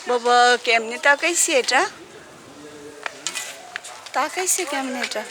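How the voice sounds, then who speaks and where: A mother speaks in a high, gentle voice, coaxing her small child and pointing things out. She is recorded outdoors at a zoo, with clear background noise and animal sounds around her. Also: slow pace. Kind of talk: casual vlog narration. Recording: noisy outdoor ambience.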